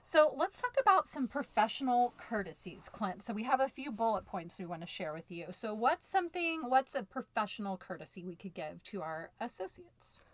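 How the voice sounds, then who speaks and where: A woman's voice: a little high, big pitch swings, normal speed, hardly any pauses. A woman co-hosting a casual podcast as a choir director, blunt and joking in her delivery.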